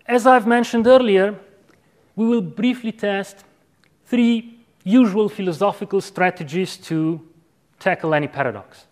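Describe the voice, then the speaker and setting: A man with a fairly high voice lectures on an academic argument. He sounds measured and didactic, setting out each step and checking in briefly as he goes. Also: a little mellow. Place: university lecture room with chalkboard. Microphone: clip-on lapel microphone.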